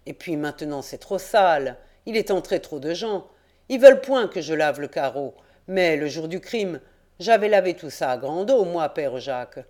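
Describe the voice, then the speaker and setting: A woman reading an audiobook, voicing a grumpy rustic old male caretaker in his sixties with gruff, folksy country speech. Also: on the low side, big pitch swings, normal speed, a little mellow. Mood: grumbling.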